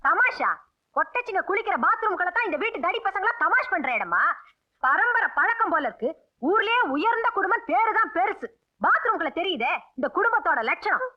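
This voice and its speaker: An actress playing a sharp-tongued elder woman who scolds and mocks the family, in film melodrama. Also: extremely high pitch, sing-song, brisk. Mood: sarcastic. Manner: sarcastic, scolding. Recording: dull lo-fi film soundtrack.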